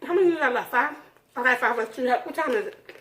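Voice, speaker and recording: A woman's voice: high-pitched, quick pace, fairly bright tone, roomy sound. A woman chatting casually during a fried chicken mukbang, eating and humming mmm between short phrases. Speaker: mukbang host.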